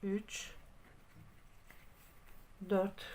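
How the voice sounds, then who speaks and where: Speaking very slowly in a dark tone, a woman hosts a step-by-step craft tutorial. She instructs patiently and methodically, counting aloud as she goes.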